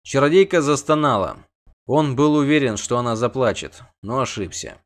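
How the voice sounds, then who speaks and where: A man's voice: mid-range voice, lively intonation, moderate pace. A man narrating an audiobook with tense, vivid storytelling.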